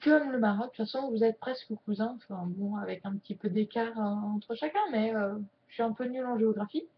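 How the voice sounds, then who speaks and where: A woman with a fairly high voice chats casually to her viewers, joking as she goes. She slows her words at times while she signs. The recording sounds dull and lo-fi. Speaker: YouTuber teaching sign language. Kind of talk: casual chat to camera.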